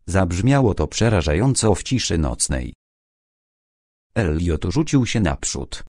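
A man reading a mystery audiobook in a measured, expressive storytelling manner. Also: deep voice, no room sound, studio quality. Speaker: audiobook narrator. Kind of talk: scripted narration.

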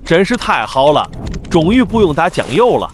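A man voicing an eager robot underling in a comic animated dub. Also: on the high side, normal speed, a little hiss or hum.

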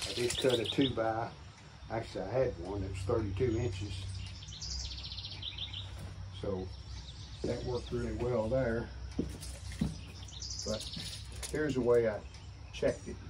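Birdsong and open-air noise surround a middle-aged man whose mid-range voice stays fairly even, unhurried, with long pauses. Hosting a DIY how-to video in an outdoor concrete stairwell, he chats plainly and thinks aloud while he works, recorded on a camera mic that's sometimes far off.

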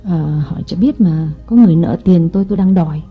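A woman voicing a calculating young wife in an audiobook, speaking in a coaxing, deliberate way. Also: lowish voice, breathy edge. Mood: casual. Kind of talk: audiobook reading. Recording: dull lo-fi audio with faint music.

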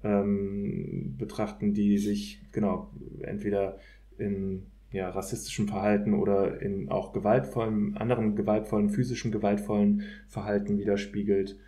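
This political scientist speaks as an expert guest in an analytical discussion with a low, dark, level voice at a moderate pace. He hesitates often, hunting for the right words.

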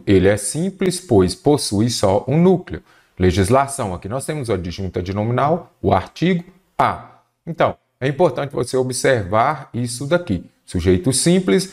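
A man teaching a Portuguese grammar lesson for an exam, explaining step by step and answering his own questions. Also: mid-range voice. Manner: stretches key terms slowly for emphasis.

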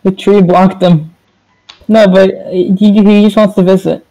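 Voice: medium pitch, fairly even intonation, unhurried, warm tone, poor audio. A player chatting casually during a group game, playful, laughing and blurting out reactions. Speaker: gamer. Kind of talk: casual multiplayer game chat.

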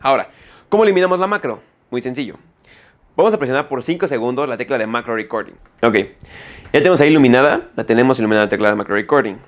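A man's voice: mid-range voice, lively intonation, fast talker. Guy doing a keyboard review, explains everything step by step, keeps saying ok?, corrects himself sometimes. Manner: explanatory, repeats "¿ok?" after points; self-correcting mid-sentence. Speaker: tech reviewer. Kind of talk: product review tutorial.

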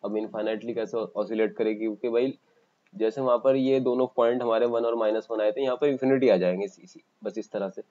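A man with an Indian accent teaching a math lesson for exam coaching, explaining step by step and pausing as he writes. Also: lowish voice, fairly even intonation, mellow, muffled recording. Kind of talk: online exam-coaching lecture.

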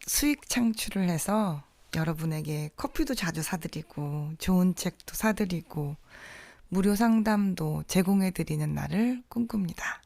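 Soft-spoken woman podcast host. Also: on the low side, creaky, no room sound. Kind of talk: scripted podcast monologue.

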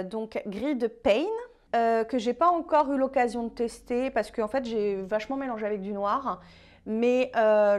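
A young woman from France chatting casually through her painting vlog, relaxed and full of little fillers. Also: medium pitch. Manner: chatty, relaxed, many fillers like "euh" and "bah". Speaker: painting vlogger.

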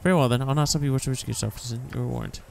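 A man's voice: medium pitch, rapid-fire, vocal fry, natural voice. A man voicing a formal, worried city guard in a fantasy game, stiff and official. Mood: official, concerned.

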